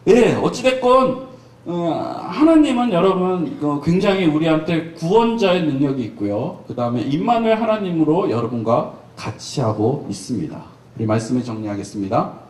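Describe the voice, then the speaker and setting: A male pastor with a high, lively voice preaches to young people, joking and telling stories casually. He sounds distant, and the church hall around him echoes. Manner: playful, joking, colloquial storytelling. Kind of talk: youth revival sermon. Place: church sanctuary.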